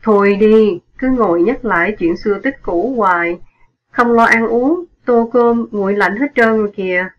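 A woman voicing a weary poor young mother who scolds her husband in a loud tone. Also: medium pitch, normal speed, lo-fi sound, natural voice. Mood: scolding.

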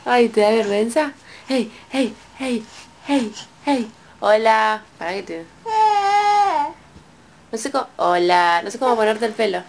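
A woman's voice: fairly high pitch, a little slow, gravelly, long pauses. A woman with a Rioplatense Spanish accent, a mother who is sick and tired, coaxing her baby in singsong baby talk on a home video.

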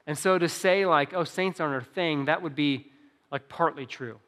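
A man's voice: fairly high pitch, normal speed, fairly bright tone. Conversational male pastor in a reverberant church. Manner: conversational, self-deprecating, frequent restarts and fillers. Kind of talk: sermon. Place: church sanctuary. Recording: long reverb of a church hall.

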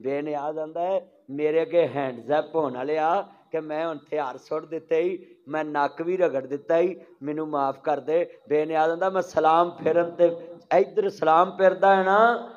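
High-voiced Punjabi preacher, lo-fi sound. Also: male voice, fairly even intonation, moderate pace. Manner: storytelling, voicing dialogues, calls on the audience to answer aloud. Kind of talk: Punjabi sermon. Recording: dull lo-fi recording.

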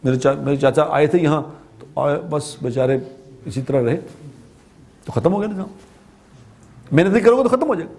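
Higher-voiced Pakistani man preaching. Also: long pauses. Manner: animated storyteller, repeats phrases for emphasis. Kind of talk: religious storytelling sermon.

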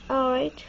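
A woman's voice: sits high, vocal fry. A young woman with a stuffy, congested-sounding nasal voice, giving a casual unscripted how-to walkthrough into a handheld phone. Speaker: tutorial presenter. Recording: muffled, noisy phone camera recording.

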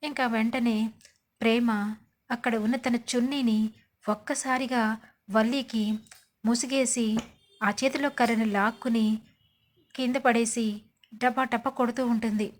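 A woman telling back a TV serial episode like a story. She sounds chatty and lively, her voice sitting fairly high. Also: measured pace, long pauses. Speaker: serial recap narrator. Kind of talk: storytelling recap.

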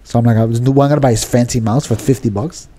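A man's voice: mid-range voice, rapid-fire. A man in his thirties co-hosting a podcast, chatting casually and telling rambling stories. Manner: relaxed, rambling storytelling. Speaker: podcast co-host. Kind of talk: casual chat. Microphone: podcast studio mic.

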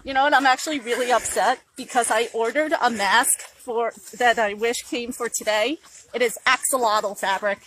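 A woman's voice: on the high side, moderate pace, a bit bright, slight background noise, poor audio. A woman talking through a face mask, casually explaining things as a nature guide on an outdoor hike. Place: outdoors on a hiking trail.

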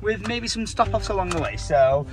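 A man's voice: high voice, lively intonation, moderate pace, over music. A young British man chatting casually as a travel vlogger, with a jokey, exclamatory, slangy way of talking. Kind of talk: casual travel vlog chat.

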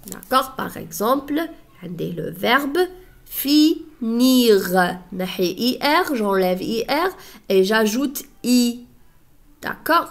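A woman with an Algerian Arabic accent explains grammar to a class. She asks the students questions and then answers them herself, one step at a time. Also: on the high side. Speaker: French teacher.

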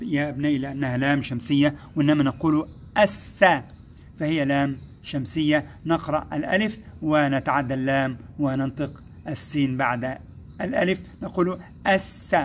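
A man teaching first-grade pupils, explaining step by step, praising them and slowing down to sound out syllables. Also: medium pitch, a little hiss or hum. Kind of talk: recorded classroom lesson.

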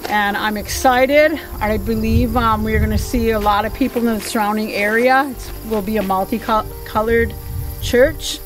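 A middle-aged woman from Red Lake Nation speaks with fervent emphasis, bearing witness to her faith. She is recorded outdoors and sits back from the mic. Music plays clearly under her voice. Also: a little high, normal speed, recorded from a distance, poor audio. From Red Lake Nation, Minnesota. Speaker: pastor's widow. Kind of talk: testimony interview. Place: outdoors by a new church.

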